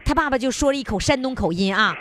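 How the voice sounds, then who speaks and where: A woman's voice: high voice, lively intonation, quick pace, fairly bright tone. A woman with a Northeastern Chinese accent hosting a radio call-in show in a chatty, exclamatory, bantering way. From Northeast China.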